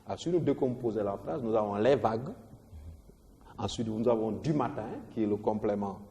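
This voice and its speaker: Teacher guy, lively lesson, hits the stresses, repeats words a lot, warm tone, echoey long reverb. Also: on the low side, a little fast, a little hiss or hum. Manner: animated, stressing syllables, often restarting words. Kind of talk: explaining a poetry lesson.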